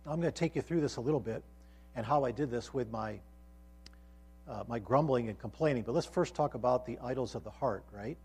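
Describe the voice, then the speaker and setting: A man's voice: medium pitch, brisk, a little mellow, slightly rough. A man teaching a sermon to a college group, earnest and emphatic, often restarting phrases and checking in with his listeners. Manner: frequent restarts and repeated words. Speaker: college ministry pastor.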